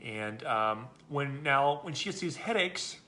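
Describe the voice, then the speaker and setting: A man's voice: medium pitch, expressive, measured pace, pushed and bright, a little hiss or hum. A middle-aged man telling product stories in a loose, rambling way, full of ums and restarts. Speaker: product testimonial speaker. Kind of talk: casual testimonial talk.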